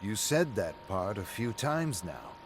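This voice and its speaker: A man voicing a wry pub owner and old friend who talks calmly and teasingly. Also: on the low side, slow, gravelly, background noise, full character voice. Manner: calm, teasing, needling.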